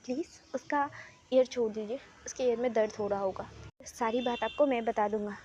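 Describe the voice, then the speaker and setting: A woman voicing a calm, polite young businessman. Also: fairly high pitch, normal speed, lo-fi sound, slight background noise, natural voice.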